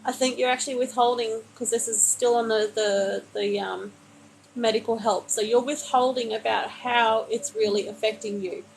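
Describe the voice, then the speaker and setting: With a slightly high, gravelly voice, a tarot reader speaks into her phone mic during a live stream, reading cards for a viewer and calling them honey. She keeps fairly even intonation at a moderate pace, soothing but meandering, with many fillers and restarts. The recording is rough, with a little hiss or hum.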